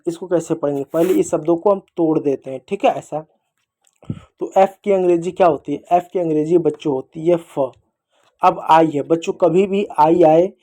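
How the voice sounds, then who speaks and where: A man's voice: fairly high pitch, warm tone. A man with a Hindi accent teaching children to read English phonics, patient, repeating rules and asking questions back. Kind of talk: phonics lesson.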